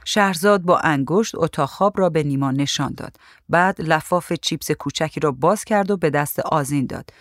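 A woman reading a story aloud in a calm, even voice. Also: deep voice, dry recording, studio quality. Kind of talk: storybook narration.

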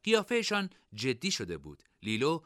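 A man narrating a story in an expressive, lively reading. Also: mid-range voice, no room sound, studio quality.

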